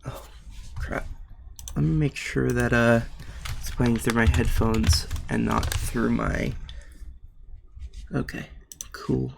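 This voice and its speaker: A young man streaming a live reaction from his bedroom, excited and rambling with lots of fillers. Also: medium pitch, slow, creaky, pauses often, a little hiss or hum.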